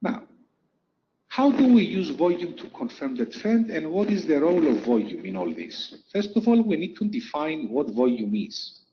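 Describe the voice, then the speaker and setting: A man's voice: a little high, big pitch swings, moderate pace, highs cut off, a little hiss or hum. A man teaching a lesson over chart slides, explaining step by step and repeating key points for emphasis. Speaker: trading instructor.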